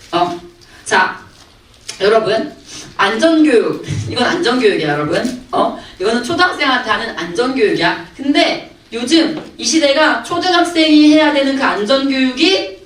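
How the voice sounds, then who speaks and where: A woman missionary lecturing young campers, her fairly high voice swinging widely as she asks questions and presses her points. She sounds distant from the mic in a roomy, echoing hall with faint ambience behind. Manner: animated, keeps asking the audience questions. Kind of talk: youth camp lecture.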